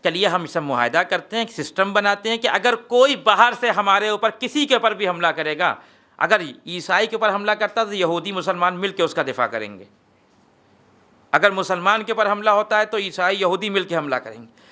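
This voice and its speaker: High-voiced, bright Indian Urdu preacher. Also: male voice, lively intonation. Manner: rhetorical, rising to emphatic peaks then dropping low. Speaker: Shia cleric giving a majlis lecture. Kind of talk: Urdu religious lecture. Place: lecture hall.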